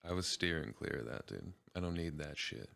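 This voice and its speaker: Male co-host, very deep voice, relaxed, giggly. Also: a little fast, vocal fry. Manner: laid-back, laughs often. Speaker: podcast co-host. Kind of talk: casual chat.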